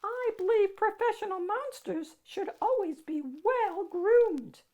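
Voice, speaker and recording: A dapper storybook monster, played by a woman, speaks in a very high, silky voice. He is prim and fussy about his grooming, with polite, formal phrasing that is projected firmly. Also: animated, takes it slowly, warm tone, exaggerated voice. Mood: prim, proud.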